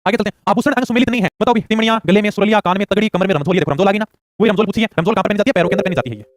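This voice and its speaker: A man runs through exam questions at breakneck speed. His voice sits high and he keeps pushing students to answer quickly. The recording is dry and close. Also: no echo. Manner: rapid-fire, urging answers fast. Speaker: exam coaching teacher. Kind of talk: rapid quiz-style lesson.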